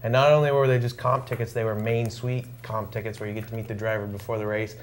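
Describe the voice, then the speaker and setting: A man's voice: on the low side, little pitch movement, fast. A man co-hosting a live local sports talk show, telling a story in a casual, chatty way. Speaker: radio sports talk co-host.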